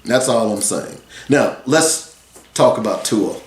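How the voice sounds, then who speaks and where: A man's voice: on the low side, animated, slow, roomy sound. A man in his sixties talking earnestly as a sports radio host, rambling and conversational. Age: 60s. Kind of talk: solo talk radio commentary.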